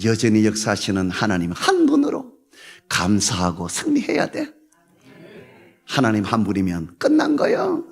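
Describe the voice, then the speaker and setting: A man preaching a comic sermon in a church, laughing, shouting commands and playfully cursing. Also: on the low side, wildly swooping pitch, normal speed, gravelly, husky. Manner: boisterous, swings from whispers to shouted commands, mock-cursing, laughing. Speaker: guest preacher. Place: church sanctuary.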